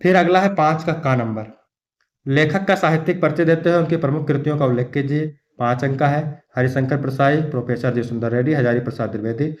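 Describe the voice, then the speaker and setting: A man's voice: on the high side, a little fast, reverberant. A male teacher giving an exam-preparation lecture, reading verses aloud and then explaining them, and calling his students his dear children.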